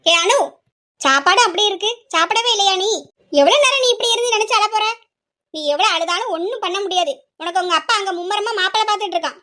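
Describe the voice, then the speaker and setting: A woman voicing a stern, scheming middle-aged aunt with a sharp, scolding way of talking. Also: very high-pitched, fast talker. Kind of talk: hobby audio drama.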